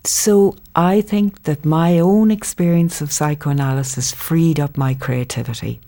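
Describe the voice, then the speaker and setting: A middle-aged Irish woman with a low voice speaks as a poetry guest in an interview. Her talk is thoughtful and measured, and she slows right down when she reads her poems aloud. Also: dark tone. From Ireland. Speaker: poet, guest. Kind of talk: interview conversation and poetry reading.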